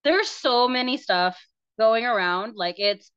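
A woman's voice: fairly high pitch, expressive, unhurried, a bit bright, dull audio. A woman co-hosting a podcast in casual chat, sick and coughing, joking around. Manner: chatty, joking. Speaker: podcast co-host.

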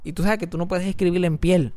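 A man's voice: fast talker, no echo. A man telling stories in casual chat, mixing in English and acting out voices in squeals. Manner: animated, mixes English into Spanish, acts out voices in high squeals. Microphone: close studio mic.

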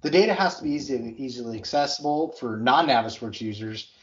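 A man's voice: medium pitch, brisk. Casual rambling man, lo-fi audio. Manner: rambling, filler-heavy, enthusiastic. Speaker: podcast co-host. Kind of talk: casual tech chat. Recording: slightly dull lo-fi audio.

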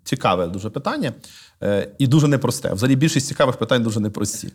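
A male literary scholar answers interview questions in a measured, lecturing manner. He often pauses on "uh" as he picks his words, with a plain mid-range voice. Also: medium pitch, expressive, husky. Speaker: guest, literary scholar and museum director. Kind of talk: thoughtful explanatory interview talk.

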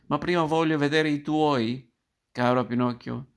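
A man's voice: on the high side, fairly even intonation, unhurried. A man voicing a cheeky, mischievous boy who teases his friend in a storybook reading. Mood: teasing.

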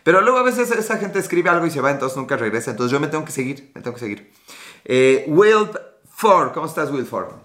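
A man's voice: a little high, racing, bright, forceful tone. A Mexican man in his late thirties hosting a casual livestream, reading viewer comments in a scattered, joking, profane way. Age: late 30s. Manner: rambling, scattered, swears often. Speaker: livestream host.

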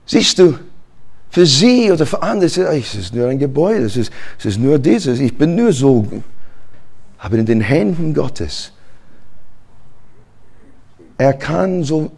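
A male pastor giving a sermon in a conversational, animated way, often restarting his sentences. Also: a little high, measured pace, vocal fry, pauses often.

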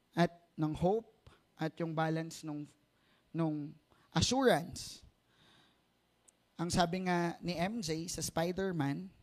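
A Filipino man delivers a sermon in a mix of Tagalog and English. His voice sits a little high for a man. He talks conversationally, using rhetorical tag questions to seek agreement. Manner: switches between Tagalog and English. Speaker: preacher.

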